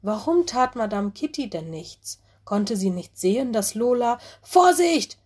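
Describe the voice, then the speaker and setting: A woman narrating a children's storybook in a measured, expressive reading. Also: mid-range voice, breathy edge.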